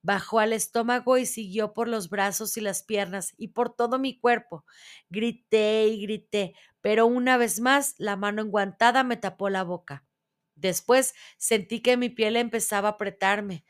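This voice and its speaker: A woman storyteller giving a dramatic, expressive first-person reading of a book chapter. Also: medium pitch, normal speed.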